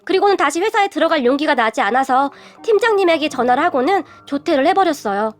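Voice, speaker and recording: A young woman narrating a scripted first-person story in a steady, confessional way. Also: high-pitched, quick pace. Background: faint music.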